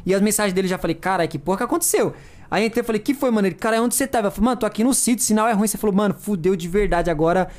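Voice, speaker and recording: Young man, fast, slangy podcast sidekick. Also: high voice, darkish tone. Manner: slangy, chimes in and adds details. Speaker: podcast co-host. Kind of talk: casual chat.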